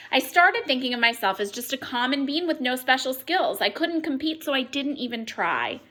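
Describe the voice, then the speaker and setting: A woman reading a children's picture book aloud expressively, acting out the exclamations in an animated manner. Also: sits high, normal speed. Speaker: read-aloud storyteller. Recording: noticeable background noise.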